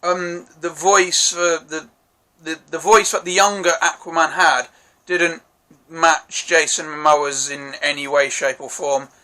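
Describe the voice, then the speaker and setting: A man's voice: fairly high pitch, steady tone, unhurried, bright, forceful tone. A man giving a casual spoken film review, rambling and hesitant, with many fillers and restarts.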